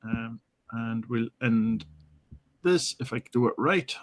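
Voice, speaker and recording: A man's voice: mid-range voice, slow. A man hosting a casual live-streamed interview, friendly and hesitant, with many ums. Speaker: podcast host.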